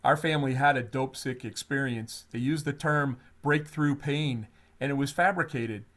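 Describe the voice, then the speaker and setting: A man co-hosting a workplace health webinar, talking in an animated, conversational way with frequent fillers. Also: mid-range voice, normal speed. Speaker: webinar co-host. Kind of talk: webinar presentation.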